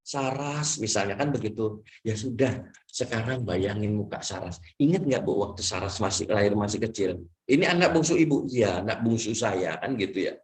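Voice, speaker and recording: A man's voice: on the low side, expressive, normal speed. A man giving a conversational religious health lecture, chatty and full of tag questions, who acts out a patient's prayers as he teaches. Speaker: lecturer on prophetic medicine.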